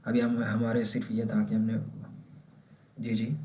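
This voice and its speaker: A man with a Pakistani Urdu accent teaching a beginner German class, patiently explaining and repeating words slowly so learners can copy the pronunciation. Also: lowish voice, monotone, darkish tone. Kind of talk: casual explanatory lesson.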